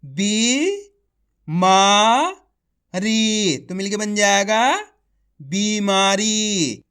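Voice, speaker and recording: A man's voice: sits high, takes it slowly, a bit bright. A man teaching Hindi reading, sounding out each syllable and then blending it into the whole word, addressing viewers as friends. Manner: addresses viewers as friends, giving simple instructions. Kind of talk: slow syllable-by-syllable reading lesson.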